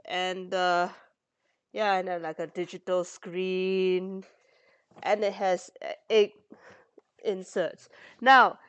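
A woman co-hosting a casual vlog, rambling through a show-and-tell with lots of fillers. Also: medium pitch. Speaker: vlog co-host. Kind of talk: casual chat.

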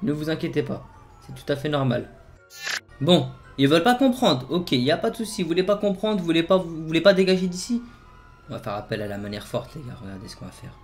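A man hosting a gaming video, giving playful commentary and jokingly barking commands as a team leader, excitable and joking. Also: on the high side, fast, soft background music. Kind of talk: playful game commentary with role-play commands.

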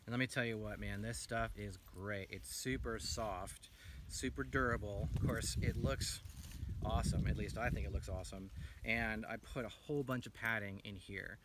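This American gear maker, a man in his thirties, sounds fairly low and keeps his intonation fairly even at a normal speed while excitedly reviewing his own handmade pack. He chats loosely in a forest, filling gaps with lots of ums. The audio, captured by a camera a few feet off, is very noisy.

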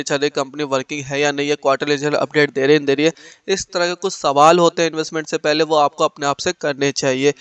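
A man's voice: fairly high pitch, clear, resonant tone, no room sound. A man hosting a stock market channel, talking viewers through share data and charts on his screen. He explains step by step and keeps saying "look here". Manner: explanatory, repeats "dekhiye".

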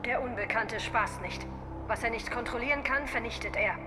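Woman acting as commanding female military officer, loud music. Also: fairly high pitch, moderate pace, natural voice. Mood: firm, businesslike. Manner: authoritative, direct. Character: resolute female military commander, calm under fire. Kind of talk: video game voice acting.

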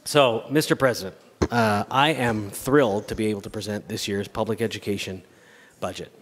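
A man's voice: on the low side, steady tone, moderate pace. An American man in his fifties giving a legislative floor speech as a state senator, explaining things with emphasis. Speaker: state senator presenting a bill. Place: large indoor legislative chamber. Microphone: podium gooseneck microphone. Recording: reverberant large chamber.

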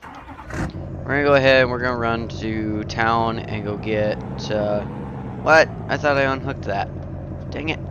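A mid-range male voice, a little slow and full of frequent pauses, comes through lo-fi on a headset. The speaker is a young gaming channel host doing relaxed let's-play commentary from home, rambling, talking to himself, and reacting with easy surprise. He's a bit sniffly, and the indoor recording is noisy.

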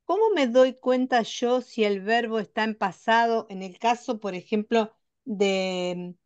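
A woman's voice: fairly high pitch, measured pace, a little mellow, clean tone, lo-fi sound. A woman, a student asking hesitant questions in an online class. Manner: hesitant, questioning, full of fillers.

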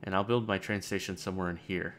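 A man's voice: deep voice, fairly even intonation, fast, fairly bright tone, a little hiss or hum. A man playing a game on camera and thinking aloud, casual and rambling, with dry sarcastic asides. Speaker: let's play gamer. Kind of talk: let's play game commentary.

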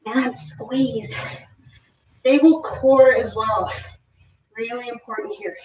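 Breathless high-voiced woman coaching a workout. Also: slow pace, a little hiss or hum. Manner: energetic, encouraging cues and counting. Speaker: fitness instructor. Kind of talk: live workout instruction. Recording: roomy, distant, dull lo-fi sound.

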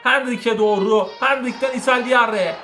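A young man, a gaming channel host, calling his own football video game match in lively commentary, cheering his players on and shouting at their misses. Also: very high voice, normal speed, soft background music. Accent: Turkish. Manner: shouts in excitement, scolds the players, cheers them on.

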